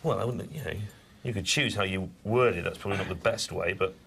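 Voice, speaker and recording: A man's voice: low voice, quick pace, gravelly, a bit bright, a little hiss or hum. An actor playing an awkward male image adviser who hedges clumsily. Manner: awkwardly tactful, hedging.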